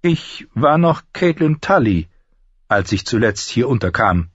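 A man's voice: mid-range voice, very animated, slightly rough, no echo, muffled recording, pitched above the performer's own voice. A man voicing a composed noblewoman who speaks formally and with resolve in an audiobook. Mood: resolute. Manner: formal, measured.

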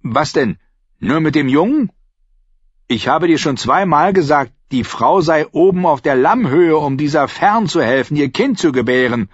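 A man's voice: on the high side, animated, normal speed, breathy edge, dry recording, highs cut off, voice pushed up. A man voicing a grumpy, quarrelsome middle-aged man who scolds and accuses the others. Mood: indignant. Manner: angry, scolding.

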